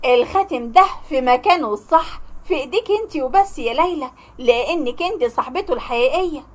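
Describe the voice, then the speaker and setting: A woman's voice: sits high, animated, fairly quick. A woman with an Egyptian accent voicing a young man, an earnest, hot-tempered fiancé. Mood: tender.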